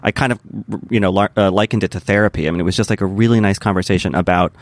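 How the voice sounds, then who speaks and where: A man's voice: sits low, fairly even intonation, very fast, no echo. A man hosting a podcast, interviewing casually in rambling, hesitant phrases full of asides.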